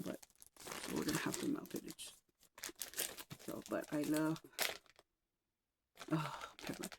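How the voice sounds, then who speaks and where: A woman vlogger chatting casually at home, rambling a little with sighs and soft asides, slightly out of breath. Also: fairly low pitch, gravelly, slight background noise, rough recording. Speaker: wax melt vlogger. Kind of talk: casual chat. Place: home room with oil diffuser.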